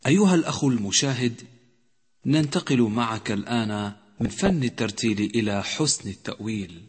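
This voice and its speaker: Husky-voiced man teaching, long reverb. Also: mid-range voice, animated. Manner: addresses the listener directly, slowly demonstrating pronunciation. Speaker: Quran recitation teacher. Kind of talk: instructional lesson.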